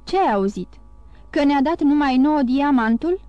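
Woman reading an excitable greedy innkeeper. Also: high voice, no echo, highs cut off, lightly acted. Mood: fervent. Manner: exclaiming, fervent.

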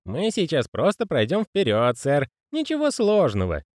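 A male reader voicing a fussy, pious old postman who speaks in a raspy, wheezy whisper and keeps saying sir. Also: on the high side, huge pitch swings, moderate pace, no echo, studio quality, pitched above the performer's own voice. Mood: fussy, earnest. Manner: deferential, says sir constantly. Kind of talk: audiobook character voicing.

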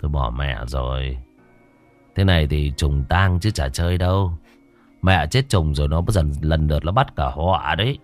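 A man voicing a worried, superstitious villager who mutters in a low grumble. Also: animated, normal speed, faint music behind. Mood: uneasy.

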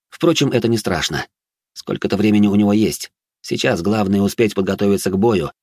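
Man, audiobook narrator, steady measured reading, lowish voice, dry close recording. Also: no room sound. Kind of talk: scripted fantasy narration.

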